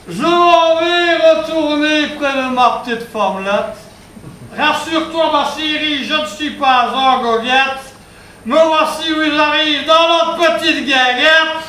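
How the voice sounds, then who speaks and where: A man's voice: very high-pitched, bright, forceful tone, a little hiss or hum, full character voice. A man playing a drunk, pompous middle-aged politician, rambling and punning on stage. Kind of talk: stand-up one-man show character. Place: theatre stage. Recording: echoey stage recording from far off.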